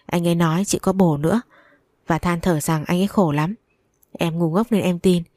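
A woman's voice: on the low side, steady tone, normal speed, a little mellow, no echo, studio quality, natural voice. A woman voicing a remorseful young wife apologizing earnestly, in a read-aloud story.

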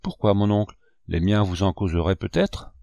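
A man reading the lines of a young girl, a niece, in a soft, sighing, melancholy manner. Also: lowish voice, lively intonation, normal speed, vocal fry, no echo. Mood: wistful. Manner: sighing, wistful.

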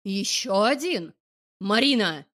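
A woman voicing a drunk, furious middle-aged father who bellows and yells in an audiobook. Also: mid-range voice, expressive, slow pace. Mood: drunken rage. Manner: yelling, slurring aggression. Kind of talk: audiobook character voice.

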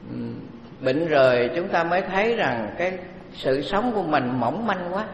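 Buddhist teacher, echoey hall. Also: male voice, a little high, expressive, slight background noise. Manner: unhurried, conversational teaching with many pauses. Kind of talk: dharma talk sermon. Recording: echoey hall, faint background ambience.

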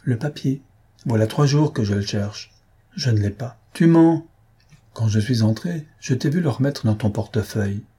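A man's voice: moderate pace, dark tone, breathy edge. A man voicing a menacing, brutal male court clerk who hammers out his syllables. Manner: hammers syllables, low and hard.

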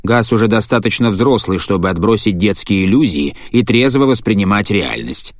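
A man's voice: on the low side, lively intonation, moderate pace, no room sound, clean studio sound, close to an everyday voice. A man reading the part of a cold, impatient scientist husband in an audiobook, speaking curtly and with contempt. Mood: irritated. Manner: curt, impatient, sneering.

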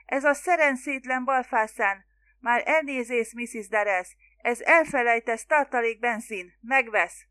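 A woman voicing an excitable male Greek boatman who speaks in broken grammar and shouts when angry, reading an audiobook. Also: a little high, dry recording. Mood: furious.

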